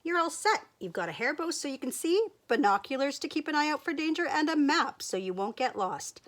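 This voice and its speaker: A chirpy, know-it-all girl sheep, put on by a woman reading a picture book aloud. She talks loudly and eagerly, her pitch swinging up and down with every line. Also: very animated, a little fast. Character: cheerful dancing female sheep, bossy know-it-all.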